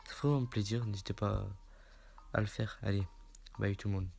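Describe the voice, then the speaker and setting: A man's voice: lowish voice, steady tone, fairly quick, gravelly. A man hosting a casual top-ten voice-over, hesitant with many fillers and repeating himself. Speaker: YouTube channel host. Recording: music playing loudly underneath.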